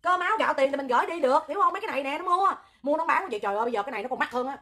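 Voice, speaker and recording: A woman with a Southern Vietnamese accent hosting a livestream, talking loud, hot-tempered and animated, rambling with joking asides. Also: high voice, racing. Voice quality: loud, piercing voice. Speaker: livestream host, charity oxygen volunteer. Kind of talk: livestream talk to viewers.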